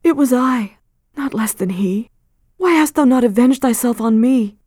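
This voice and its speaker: A woman's voice: fairly high pitch, expressive, moderate pace, dark tone, no room sound, studio quality, pitched above the performer's own voice. A woman reading aloud and voicing an anguished, defiant woman who speaks with pleading emphasis. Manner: pleading, then firm and emphatic. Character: anguished, defiant woman confronting her tormentor.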